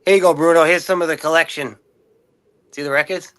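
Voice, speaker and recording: A man with a Brooklyn accent chatting casually and excitably, with slangy talk peppered with baby and dude. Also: on the high side, fairly quick, smooth, no room sound. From Suffolk County, Long Island, New York.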